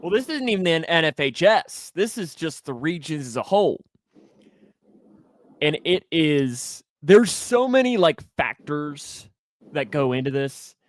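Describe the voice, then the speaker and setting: He's a sports show host in his 20s whose voice sits on the high side, swings widely in pitch, and keeps a measured pace, with no echo. On his casual talk show he speaks emphatically and repeats phrases to drive them home.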